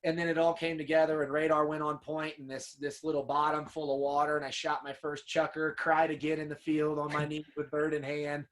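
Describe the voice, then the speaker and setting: A man's voice: fairly high pitch, monotone, fairly quick, few pauses. A man telling hunting stories as an interview guest, earnest and emotional, often saying "man" and "dude". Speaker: podcast guest, upland hunter and dog kennel owner. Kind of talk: casual storytelling interview.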